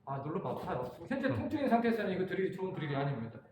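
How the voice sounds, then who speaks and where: A man's voice: sits high, big pitch swings, racing, a little mellow. A man instructor leading a hands-on workshop demonstration, directing and coaching volunteers. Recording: very echoey room, faint room noise.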